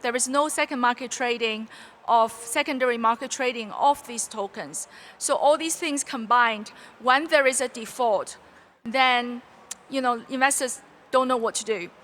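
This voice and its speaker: Woman, conference panelist, earnest explanations, bright crisp tone. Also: on the high side, normal speed. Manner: earnest, explains step by step with restarts. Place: conference stage.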